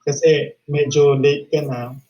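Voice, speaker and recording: A man with a Filipino accent, facilitating an online class over a video call, brisk and mixing English with Tagalog. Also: fairly high pitch, flat delivery, dark tone. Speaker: course facilitator. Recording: dull lo-fi video call audio.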